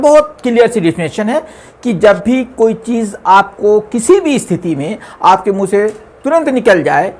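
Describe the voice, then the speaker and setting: A man's voice: high voice, a little mellow, husky. Patient man teaching grammar. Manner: patient, repetitive explaining with frequent fillers. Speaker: English teacher. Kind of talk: classroom grammar lesson.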